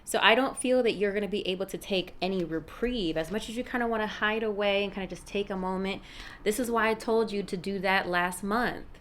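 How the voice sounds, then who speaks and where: A woman's voice: mid-range voice, a little fast. Chatty woman fortune teller reading tarot, street noise. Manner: chatty, familiar direct address, emphatic advice. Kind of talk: casual tarot reading to viewers, fortune-telling. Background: rush-hour street noise.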